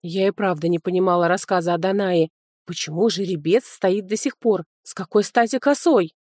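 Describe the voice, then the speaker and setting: A woman's voice: lowish voice, moderate pace, darkish tone, dry recording, studio quality. Woman narrating a first-person fantasy audiobook.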